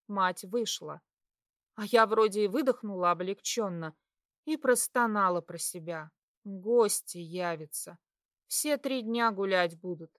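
A woman narrating a first-person audiobook in a steady, expressive storytelling voice. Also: medium pitch, no room sound, clean studio sound.

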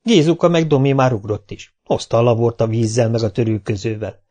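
A man reading a children's novel aloud as an amateur audiobook reader, narrating calmly and evenly. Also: medium pitch. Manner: calm, even narration with lively character voices. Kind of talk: storybook narration.

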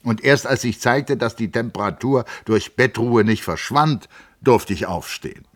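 A man's voice: medium pitch, measured pace, fairly bright tone, voice pushed up. A man voicing an earnest, worried young man who speaks hesitantly and with alarm, in a literary audiobook reading. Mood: concerned.

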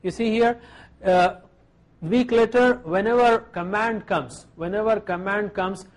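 A man's voice: sits high, drawn-out words. A man teaching Arabic verbs to a class, patiently drilling each form and having students repeat after him.

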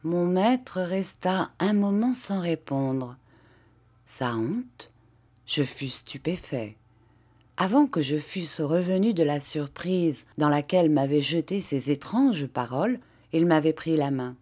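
Slow, low-voiced woman reading an audiobook. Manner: measured, calm reading. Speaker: audiobook reader. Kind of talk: scripted audiobook narration.

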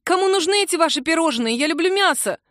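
A woman's voice: extremely high pitch, expressive, quick pace, fairly bright tone, dry recording, clean studio sound, voice pushed up. Woman voicing a sleepy, indignant young woman. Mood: grudging. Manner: indignant, exaggerated exclamations. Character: sleepy grumpy young woman, sharp-tongued friend.

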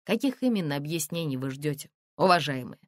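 A curt, sardonic middle-aged museum director, read by a woman in an audiobook. His lines come in a lowish, lively voice, dry and close. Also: brisk, no room sound. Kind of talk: audiobook character reading.

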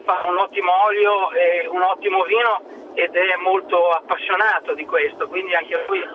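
A man speaks over the phone in a light, high voice, recounting stories as a food expert guest. The line sounds thin and tinny, with a faint hiss of noise behind him. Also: steady tone, normal speed. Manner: chatty, anecdotal storytelling.

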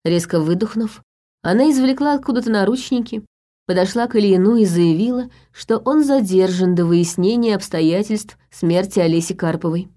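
A woman narrating a novel in a steady, measured way. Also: medium pitch. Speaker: audiobook narrator. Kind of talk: scripted narration.

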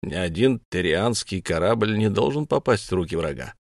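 Guy reading curt stubborn prisoner, flat level answers, dry close audiobook. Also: fairly low pitch, moderate pace, no echo. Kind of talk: audiobook character voice.

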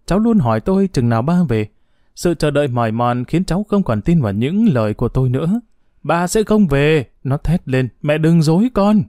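A man's voice: medium pitch, mellow, dry recording, clean studio sound. A man reading a first-person story aloud in an earnest, scripted narration.

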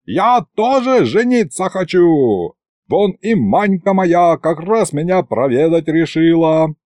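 Man voicing a brash young village lad in a storybook, eager, slow and raised in pitch. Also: big pitch swings, dry recording. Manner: eager, loud.

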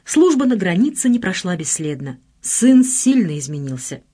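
A woman narrating an audiobook with an expressive storytelling delivery. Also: on the low side, normal speed, slightly rough.

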